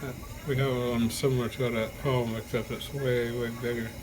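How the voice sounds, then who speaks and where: A man chatting casually to camera in a halting, low-key way, his mouth numb, dry and stiff after jaw surgery. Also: flat delivery. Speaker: vlogger, patient recovering from jaw surgery. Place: hospital room. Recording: clear background noise throughout.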